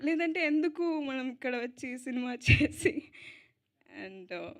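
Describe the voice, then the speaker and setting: A young woman speaking at an event on stage into a mic, switching between Telugu and English, halting with fillers and little giggles, slow and heartfelt. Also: high-pitched. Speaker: lead actress giving a speech. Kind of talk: emotional stage speech at a film event.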